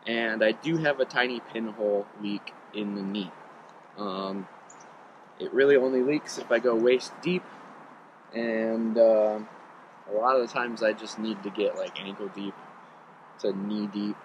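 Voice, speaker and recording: A man's voice: lowish voice, background noise. Chatty man outdoors by a river. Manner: relaxed, chatty, rambling with ums. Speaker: fishing gear reviewer. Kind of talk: casual gear review to camera. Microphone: camera on tripod a few meters away.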